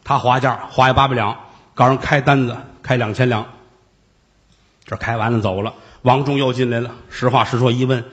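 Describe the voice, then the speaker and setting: A man's voice: mid-range voice, fairly even intonation, normal speed, big-room sound. A man telling a traditional tale in a wry, conversational way with asides. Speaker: storyteller. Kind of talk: traditional oral storytelling.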